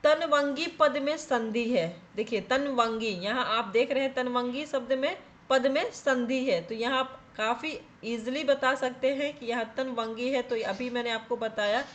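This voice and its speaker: A woman's voice: sits high, normal speed, few pauses, a little hiss or hum. A woman teaching a grammar lesson for exam preparation, explaining step by step and checking in with viewers as she goes. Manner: explains step by step, often asks and answers her own questions; repeats "theek hai" to check in with viewers.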